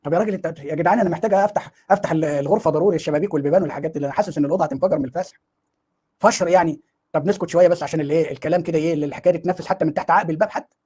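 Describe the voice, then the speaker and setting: A man's voice: on the high side, rapid-fire, dark tone, slightly rough. A man with an Egyptian Arabic accent giving mocking online commentary, full of sarcasm and rhetorical questions.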